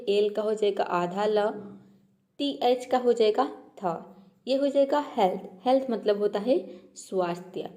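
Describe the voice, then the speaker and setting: A woman's voice: fairly high pitch, dark tone. A woman teaching a pronunciation lesson, explaining step by step and repeating each example patiently. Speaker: English teacher.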